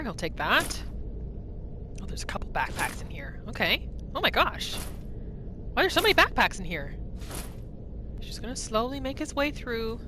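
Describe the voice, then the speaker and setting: A woman with a mid-range voice gives casual, playful commentary on her roleplay playthrough, narrating as she goes and chatting to herself and the game. She sounds expressive, with video game music and some background noise behind her.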